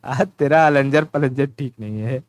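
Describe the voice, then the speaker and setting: A man's voice: mid-range voice, a little slow. A man teaching an informal exam-prep lesson, teasing the listener and repeating key words as he writes them down. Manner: teasing, repetitive, addresses listener as "tu".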